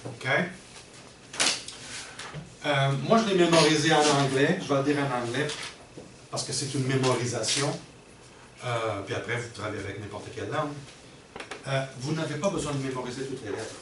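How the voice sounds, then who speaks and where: A man's voice: mid-range voice, normal speed, pauses often. A middle-aged man, presenting a workshop and explaining step by step, often checking in with his audience. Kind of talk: teaching a workshop. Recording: roomy and distant with background noise.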